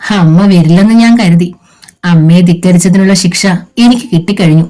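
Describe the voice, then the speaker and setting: A woman voicing an injured young man in an audiobook, speaking softly but with firm determination. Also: fairly low pitch, normal speed, lightly acted. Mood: gentle. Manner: soft, determined.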